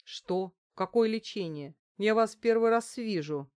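A woman's voice: fairly low pitch, expressive, moderate pace, no echo, clean studio sound, lightly acted. A woman voicing an angry young male gigolo who snaps and threatens in a storybook reading. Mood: hostile. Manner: hostile, threatening, shouting.

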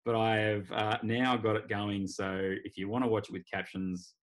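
A man's voice: on the low side, steady tone, moderate pace. An Australian man hosting a casual sports podcast, talking in a wry, rambling way. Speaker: podcast host. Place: remote video call.

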